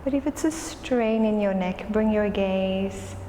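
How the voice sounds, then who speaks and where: A female yoga instructor with a mid-range voice guides her class in a calm, soothing, unhurried manner. The recording sounds roomy and reverberant, with faint noise in the background.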